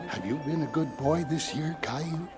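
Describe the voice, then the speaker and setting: A man voicing a kindly, jovial old Santa Claus in a children's cartoon, gentle and reassuring. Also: on the high side, normal speed, music in the background, close to an everyday voice. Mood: jolly, kindly.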